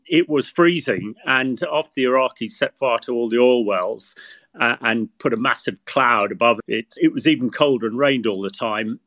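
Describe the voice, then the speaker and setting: A man's voice: mid-range voice, fairly bright tone, dry recording. A middle-aged British man giving expert recollections in a podcast interview, speaking outdoors from a freezing rooftop. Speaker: guest military expert, former tank commander. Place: outdoors on a garage roof in snow.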